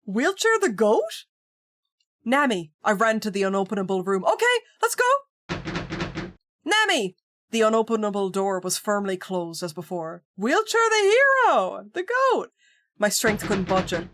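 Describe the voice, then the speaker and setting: This streamer, a woman with a slightly high voice, reads a spooky visual novel aloud, with music in the background and jokey, excitable reactions between stretches of calm narration.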